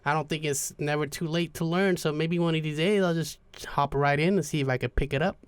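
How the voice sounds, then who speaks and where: Clear, higher-pitched male host. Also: fairly even intonation, a little fast, no room sound, clean studio sound. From United States. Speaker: podcast host. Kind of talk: casual conversational chat.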